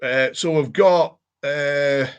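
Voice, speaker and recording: A man from Cumbria, England, with a Cumbrian accent hosts a livestream, casually chatting and responding to viewer comments. His voice is a little high and clean-toned, and he speaks at a slow pace in a rambling, chatty way, repeating catchphrases. The audio is dull.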